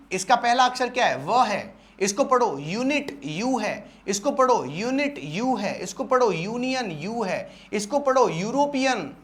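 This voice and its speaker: A young man with an Indian accent teaches an English grammar lesson for exam students. His voice sits high for a man. He drills each rule by repeating it and firing rhetorical questions at the class. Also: fairly bright tone.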